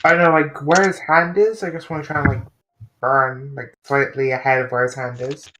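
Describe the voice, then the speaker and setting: A man's voice: medium pitch, steady tone, fairly quick, background noise. A man playing a tabletop game, casual and joking. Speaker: player.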